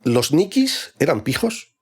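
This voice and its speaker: A man hosting a podcast interview, relaxed and quick to laugh. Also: fairly high pitch, husky. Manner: relaxed, laughs easily, asks short questions. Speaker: podcast host.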